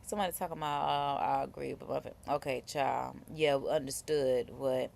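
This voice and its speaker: An American woman hosting a casual live stream, reading viewer comments aloud and reacting with animated remarks. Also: a bass voice, normal speed, vocal fry. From United States.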